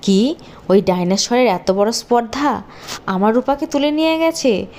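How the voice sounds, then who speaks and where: A woman's voice: a little high, measured pace, darkish tone, slight background noise. A woman voicing a loving middle-aged village father in a cartoon, who talks tenderly to his daughter and turns stern when he is crossed. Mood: angry. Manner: pleading, then stern and threatening. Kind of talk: cartoon voice acting. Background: faint background music.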